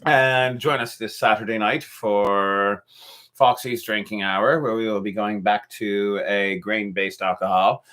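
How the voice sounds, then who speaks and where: A man's voice: lowish voice, steady tone, measured pace, fairly bright tone. A man hosting a history podcast, telling the story in a rambling, jokey, casual way. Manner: rambling and jokey, with filler and restarts. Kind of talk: casual joking history chat.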